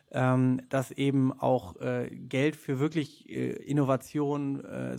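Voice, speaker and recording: A man's voice: medium pitch, vocal fry, a little mellow. A man speaking as a podcast guest, hesitant, with many filler sounds and restarts. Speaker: podcast guest, head of a nonprofit. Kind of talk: podcast conversation.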